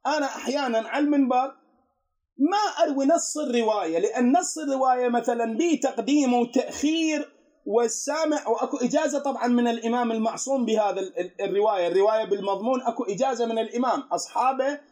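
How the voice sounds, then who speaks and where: A man with an Iraqi Arabic accent teaches religious students as a cleric. His voice sits very high and he talks quickly, often posing questions to his listeners before answering them himself. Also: a little mellow. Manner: explanatory, poses rhetorical questions to his students. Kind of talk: religious lesson.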